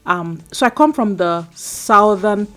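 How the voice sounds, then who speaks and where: A woman, a radio guest chatting casually and animatedly with quick asides. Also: mid-range voice, lively intonation, fairly bright tone. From Nigeria. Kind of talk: casual chat.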